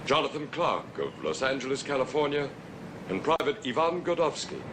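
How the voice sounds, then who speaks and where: An actor voices a solemn male alien proclaiming in a 1950s movie. He is grave, formal and authoritative, mid-pitched with a lively range, over faint noise. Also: close to an everyday voice. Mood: solemn, commanding. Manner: grave, formal, measured phrasing.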